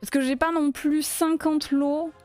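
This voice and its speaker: A playful woman with a south-west French accent and a voice on the higher side talks her chat through a crochet project, laughing easily. The sound is dry and close, with faint music under her voice. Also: flat delivery, unhurried, darkish tone, no echo. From south-west France. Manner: chatty, playful, laughs often while answering chat. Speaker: crochet live streamer. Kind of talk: casual live-stream chat while crocheting.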